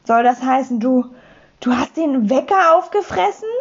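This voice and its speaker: A woman's voice: high-pitched, very animated, a little slow, creaky, darkish tone, muffled recording, full character voice. A woman voicing a sleepy, grumpy grown man who murmurs and grumbles in exasperation. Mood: indignant.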